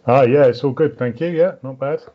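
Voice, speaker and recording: A middle-aged man from southern England, with a home counties accent, talks a little fast in a mid-range voice, and the highs are cut off. A mountain biker appearing as a podcast guest, he chats casually, hesitating and thinking aloud.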